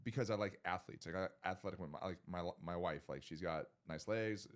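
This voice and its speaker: A man's voice: deep voice, brisk. A man co-hosting a podcast, chatting casually and crudely, rambling with many fillers and restarts. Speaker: podcast co-host.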